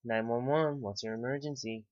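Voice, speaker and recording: A man voicing a male emergency dispatcher who asks brisk, procedural questions. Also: medium pitch, steady tone, darkish tone, dry recording, lightly acted. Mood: businesslike. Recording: dry, slightly dull lo-fi.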